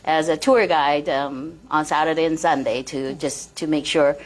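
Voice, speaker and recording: Woman, forties, low voice, hesitant casual guest talk. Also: normal speed. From Taiwan. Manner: hesitant, searching for words. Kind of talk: casual interview.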